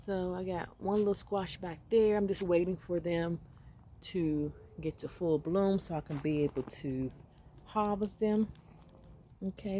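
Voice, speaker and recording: A woman giving a casual walk-through of her container garden, upbeat and grateful, chatting with pauses and fillers as she films on a phone held close. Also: on the low side, mellow, a little hiss or hum. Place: outdoor container garden on gravel. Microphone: phone camera held close while filming plants.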